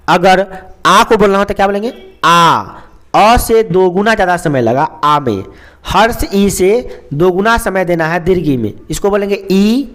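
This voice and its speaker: A young man with a high voice teaches a lesson. He goes slowly and repeats himself, stretching out each sound. He keeps asking a question and then answering it himself. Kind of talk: explaining a lesson.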